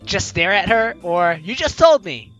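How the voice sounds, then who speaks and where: A woman's voice: mid-range voice, big pitch swings, measured pace, muffled recording, soft background music. A woman hosting a game playthrough, reading the narration aloud expressively with playful, giggly commentary. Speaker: gaming video host, player reading aloud.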